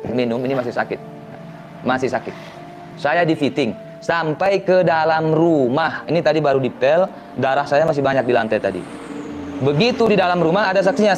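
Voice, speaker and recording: Earnest man giving detailed testimony. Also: on the high side. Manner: earnest, detailed, insists on his account. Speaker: person giving a clarification. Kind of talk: first-person testimony.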